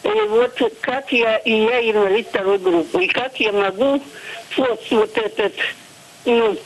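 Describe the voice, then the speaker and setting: A woman in her eighties from the Leningrad region, calling in by phone with a halting, repetitive question for the priests. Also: on the high side, rough recording. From Leningrad region, Russia. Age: 80s. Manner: halting, repeats herself, addresses priests fondly. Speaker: caller. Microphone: phone call.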